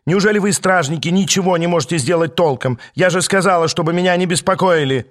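A man voicing a shrill, blunt and impatient young queen in an audiobook, with a raised, demanding tone. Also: quick pace, lightly acted. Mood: irritated. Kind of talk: audiobook character voice.

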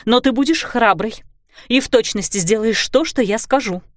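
A woman's voice: on the high side, moderate pace, dry recording, lightly acted. Woman reader doing a controlled, commanding-but-tender stepmother; slightly raised voice, dry close sound. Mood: firm. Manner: coaxing, then commanding. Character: firm, soothing young stepmother.

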